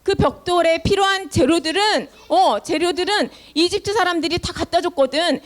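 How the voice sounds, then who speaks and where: A woman teaching children, telling a Bible story with lively questions to her young listeners. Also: very high voice, moderate pace. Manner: animated, asks children questions.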